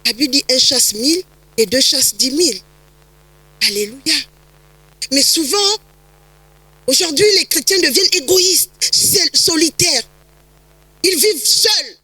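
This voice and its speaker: A woman pastor delivers a sermon in a high, bright voice, repeating phrases and building to emphatic peaks. The sound is close and dry, with no room around it. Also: no echo, rough recording. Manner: emphatic preaching, rising to shouts, frequent repetitions.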